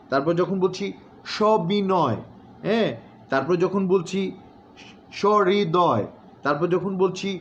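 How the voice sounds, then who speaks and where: A man from Bangladesh teaching pronunciation, repeating example words slowly and deliberately between frequent filler sounds. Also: a little high. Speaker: recitation and newsreading instructor. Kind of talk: pronunciation lesson. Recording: dull, slightly noisy home recording.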